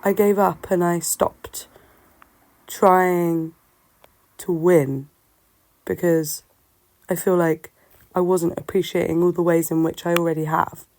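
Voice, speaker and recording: Woman, lowish creaky voice with a sore-throat sound, for a halting, reflective solo monologue. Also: a little mellow. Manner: halting, musing, self-questioning. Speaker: solo host of a personal talk show.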